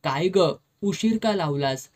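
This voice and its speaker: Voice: mid-range voice, animated, measured pace. A reader doing a drunk, slurring brute of an officer. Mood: leering. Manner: slurring, bullying, shouts. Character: drunk, lecherous, domineering officer, middle-aged man. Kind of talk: storybook reading.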